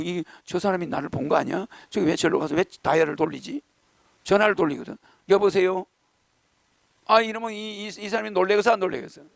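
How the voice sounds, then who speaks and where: An older man lecturing to followers, reciting poetry slowly and then talking in a lively way with rhetorical questions, acting out what people say. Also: high voice, vocal fry, dry recording. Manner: lively, rhetorical questions, acts out crowds and politicians. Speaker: speaker addressing followers. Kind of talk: lecture to an audience.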